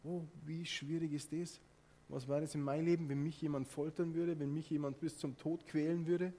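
High-voiced Bavarian preacher. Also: male voice, normal speed, a little hiss or hum. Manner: lively, addresses listeners directly with rhetorical questions. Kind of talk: sermon with a live demonstration.

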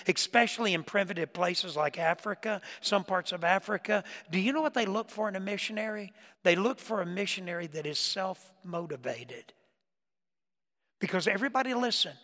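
A man preaching a sermon in a church, telling stories with emphasis and dropping between loud lines and hushed ones. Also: high voice. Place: church sanctuary. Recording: reverberant church hall.

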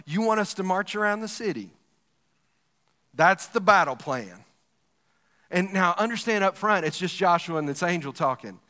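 A male pastor gives a lively, joking sermon, calling out to his congregation. His voice is bright and forceful, a touch higher than most men's. The church hall carries a long, ringing reverb. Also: brisk, hardly any pauses.

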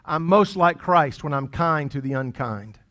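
Man pastor preaching; easygoing, teasing, punches key lines then drops low. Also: animated, unhurried. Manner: conversational and playful, swinging between loud emphasis and quiet asides. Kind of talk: sermon. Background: congregation chuckling.

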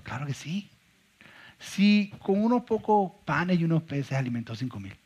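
A man preaches with a fairly high voice, pressing his points with rhetorical questions. He swings between loud, ringing lines and quiet, sinking endings. The sound is muffled and lo-fi. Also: big pitch swings, normal speed, husky. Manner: emphatic, rhetorical questions, wide swings in loudness. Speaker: pastor. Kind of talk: sermon. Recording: dull lo-fi recording.

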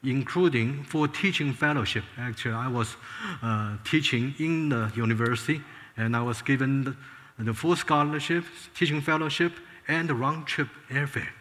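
A man's voice: mid-range voice, normal speed, a bit bright. A man in his sixties, from Taiwan, telling his life story in an earnest testimony talk, often restarting his sentences. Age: 60s. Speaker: former space scientist giving a testimony. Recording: long hall reverb.

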